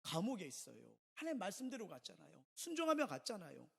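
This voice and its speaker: A middle-aged man delivers a Sunday sermon in a high, very animated voice that swings up and down as he presses his points. He asks rhetorical questions and repeats key lines. The sound has a gravelly edge and carries the long reverb of a church sanctuary. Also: fast. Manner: emphatic preaching with rhetorical questions and repetition. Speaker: pastor.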